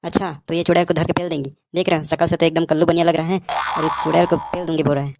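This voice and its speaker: A man's voice: fairly high pitch, little pitch movement, racing, creaky, background noise. A man giving a mocking, comic voice-over commentary on a cartoon as the channel host. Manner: mocking, roasting.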